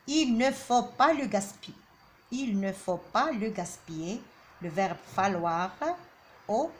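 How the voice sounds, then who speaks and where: A woman's voice: mid-range voice, a little hiss or hum. A woman teaching a grammar lesson, who repeats each example sentence aloud and hesitates often with fillers.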